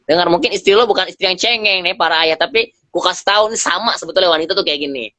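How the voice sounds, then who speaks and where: A man speaking as a guest on a live stream, telling lively stories in slangy casual talk and acting out bits of dialogue. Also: high voice, fast, no echo. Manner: animated storyteller, acts out dialogue, slangy. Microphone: phone on a live video stream.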